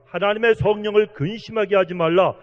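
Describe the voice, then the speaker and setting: A man's voice: sits high, fairly quick. A male senior pastor preaching a sermon, earnestly exhorting and often addressing the congregation directly. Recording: dull, reverberant church hall recording.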